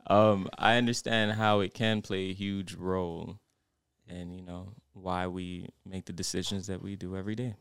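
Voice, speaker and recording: During a casual podcast chat, a young male co-host tells a personal story, meandering and reflective, with lots of fillers. He speaks at a normal pace in a smooth, low voice with little pitch movement, recorded in studio quality without echo.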